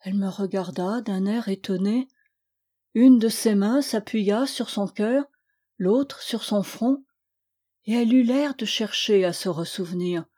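A woman reads aloud from a classic novel with expressive, theatrical phrasing, lingering slowly over the dramatic lines. Her voice sits at a medium pitch and has a mellow, warm timbre. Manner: expressive, theatrical, with slow emphatic passages. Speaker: audiobook reader. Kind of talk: dramatic reading of a 19th-century novel.

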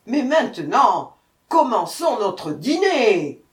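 A woman voicing a fierce, impatient male tiger in a storybook tale, loud, growling and bossy. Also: a little high, big pitch swings, slow pace, pitched above the performer's own voice. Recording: echoey room, voice from far off.

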